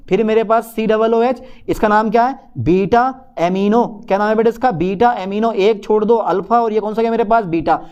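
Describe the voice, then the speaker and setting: A young man teaches chemistry at a whiteboard, his high-pitched voice clean in tone and a little mellow. He talks to students and responds to his own questions by imitating a student.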